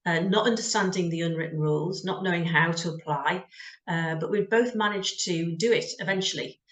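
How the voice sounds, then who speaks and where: A middle-aged British woman, a job search coach, tells her story frankly and conversationally as an interview guest, with lots of ums. Her voice is fairly low and a bit bright, in a reverberant space.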